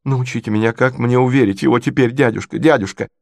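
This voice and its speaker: A man's voice: mid-range voice, fast talker, gravelly, darkish tone, no room sound, close to an everyday voice. A man voicing a flustered young nobleman who pleads with agitation. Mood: pleading.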